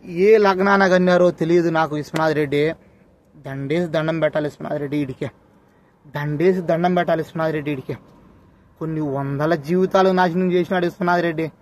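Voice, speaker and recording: High-voiced, accusing man. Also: fairly even intonation, brisk, slight background noise. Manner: accusing and confrontational, hammering repeated questions. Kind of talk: impassioned address to a camera.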